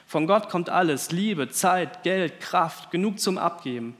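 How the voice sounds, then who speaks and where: A man's voice: high-pitched, expressive, unhurried. Preaching man in a reverberant church. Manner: emphatic, builds lists of words, drops soft at phrase ends. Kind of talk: sermon.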